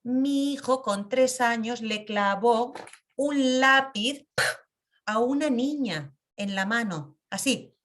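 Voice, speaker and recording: Slow, reflective woman teacher. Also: fairly high pitch, a bit bright. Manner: slow, intimate, emphatic, with pauses. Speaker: meditation and personal growth teacher. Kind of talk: reflective lesson with personal stories.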